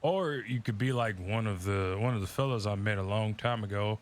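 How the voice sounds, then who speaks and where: A man's voice: fairly low pitch, brisk, slight background noise. A man in a Western role-play game, telling folksy stories full of rural sayings and mock voices.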